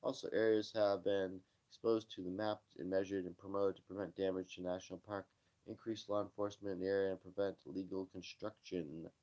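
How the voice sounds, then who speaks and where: Tired low-voiced man reading news. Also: flat delivery, fairly quick, darkish tone, lo-fi sound. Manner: offhand, stumbling reader, dismissive asides. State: tired, yawning. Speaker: livestream host. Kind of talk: casual live-stream news reading.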